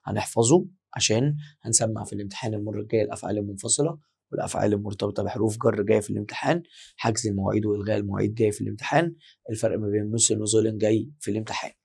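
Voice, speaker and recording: A man with an Egyptian Arabic accent teaching German for exams. He explains step by step, repeats words slowly and quizzes his students. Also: fairly low pitch, fairly even intonation, vocal fry, a little mellow, slightly rough. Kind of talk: exam-prep lesson.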